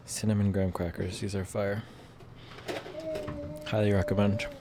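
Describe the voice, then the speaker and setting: A man's voice: lowish voice, level tone, moderate pace. Upbeat man narrating a food vlog. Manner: upbeat, clipped food commentary. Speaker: running vlogger. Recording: noisy background.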